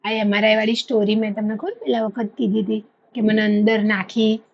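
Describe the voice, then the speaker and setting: A woman's voice: mid-range voice, a little fast, highs cut off. A woman, chatting casually to camera in a storytelling way. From India. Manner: chatty storytelling, animated when retelling. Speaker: vlogger.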